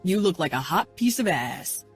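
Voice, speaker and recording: A woman's voice: on the low side, big pitch swings, moderate pace, husky, faint music behind, full character voice. A woman voicing a crude, cocky fourteen-year-old boy who drawls his lines.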